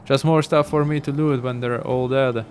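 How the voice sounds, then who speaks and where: A man's voice: medium pitch, fairly even intonation, moderate pace, darkish tone, a little hiss or hum, lightly acted. A man reading the lines of a rude, scornful pirate from a video game. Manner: sneering, insulting.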